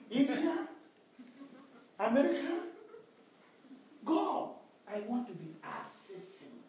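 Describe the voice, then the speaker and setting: Here a high-pitched female preacher delivers a sermon full of emphatic, repeated refrains, calling to her congregation in call-and-response fashion. A slight hiss or hum sits in the background, and the distant mic picks up an echoey hall with a dull tone.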